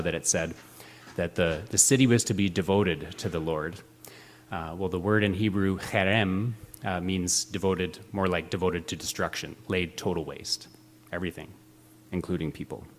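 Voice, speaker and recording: A man preaching a sermon in a church, measured and reflective, posing questions to the congregation. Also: low-pitched. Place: church sanctuary with slides.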